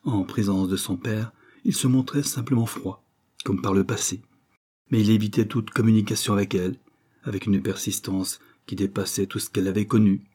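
A man reading a novel aloud in steady, measured narration. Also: fairly low pitch, slightly rough. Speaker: audiobook reader.

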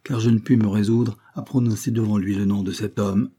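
An earnest, anxious young woman, read by a man with a dark, husky voice. She pleads with fervour and speaks in a low, soft tone in an audiobook. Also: steady tone, brisk, natural voice. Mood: fervent. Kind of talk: audiobook character reading.

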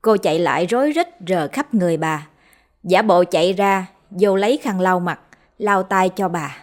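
A woman narrating a ghost story in a steady, unhurried way. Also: fairly low pitch.

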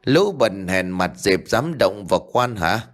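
A man's voice: lowish voice, big pitch swings, measured pace, faint music behind. A man voicing a brutal soldier guard who barks insults at villagers. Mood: contemptuous. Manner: barking insults.

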